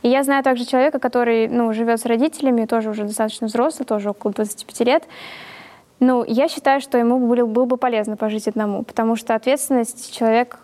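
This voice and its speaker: Young woman, fast, slightly high voice, chatty, panel guest. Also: fairly even intonation, warm tone. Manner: chatty, with frequent fillers and restarts. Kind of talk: casual discussion.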